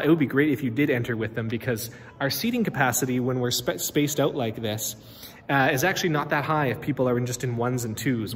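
A man in his thirties, a pastor, chatting casually with many fillers and restarts as he walks through an empty church, filmed on a phone at arm's length. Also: mid-range voice. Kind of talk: casual walkthrough video. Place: inside an empty church building. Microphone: phone held at arm's length. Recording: reverberant hall with faint ambience.

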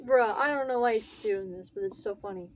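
A woman's voice: on the high side, brisk. A young woman chatting casually as she reacts to videos, rambling and repeating herself as she retells what happened. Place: small bedroom. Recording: faint room noise.

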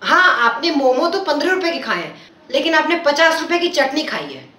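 A man's voice: very high voice, very animated, normal speed, bright, forceful tone, exaggerated voice. A man playing a pushy, sarcastic male momo street vendor who gives snappy replies. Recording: roomy, from far off.

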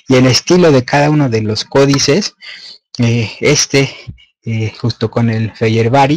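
A man's voice: medium pitch, a little mellow, husky, rough recording. A man presenting a slide lecture in casual unscripted speech, hesitant with many fillers and restarts.

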